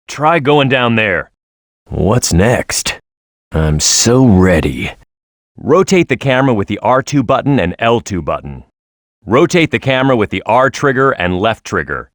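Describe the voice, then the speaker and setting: A man's voice: medium pitch, fairly bright tone, dry recording, clean studio sound, full character voice. A man voicing a tough, cocky, hot-headed young echidna fighter in a video game, with a brash, punchy, confident delivery. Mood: confident, matter-of-fact. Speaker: playable video game character.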